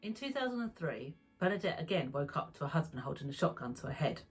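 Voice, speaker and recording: Low husky woman narrating true crime. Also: big pitch swings, fast talker, soft background music, rough recording.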